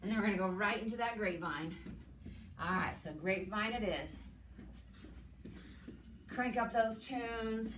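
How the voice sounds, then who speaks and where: A middle-aged woman coaching an exercise class as an aerobics instructor, calling cues and counts with steady encouragement while she works out. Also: mid-range voice, unhurried, long pauses. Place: indoors, plain room with hard walls. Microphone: camera several meters away. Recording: echoey room, distant mic, background noise.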